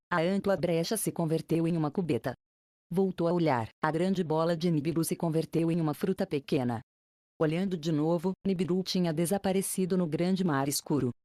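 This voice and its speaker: A woman reading an ancient epic aloud as an audiobook narrator, in a measured, formal way with short phrases. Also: low voice, mellow, dry recording, clean studio sound.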